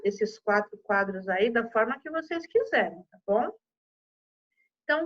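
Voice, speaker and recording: A Brazilian woman teaching a young class, sounding out words slowly syllable by syllable and checking in often with her pupils. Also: a little high. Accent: Brazilian Portuguese. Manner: slow, exaggerated syllable-by-syllable pronunciation with frequent "tá?". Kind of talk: primary school lesson video. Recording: slightly dull lo-fi recording.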